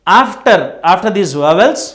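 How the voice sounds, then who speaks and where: A man's voice: sits high, lively intonation, drawn-out words, a bit bright. A man teaching a language lesson, spelling words out letter by letter and repeating each rule. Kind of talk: classroom lesson.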